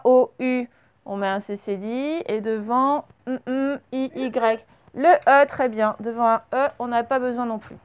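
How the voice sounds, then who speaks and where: A woman teaching young children a spelling and dictation lesson, speaking slowly and patiently and spelling words out letter by letter. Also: a little high, clear, resonant tone. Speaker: primary school teacher. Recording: slightly dull, lo-fi home recording.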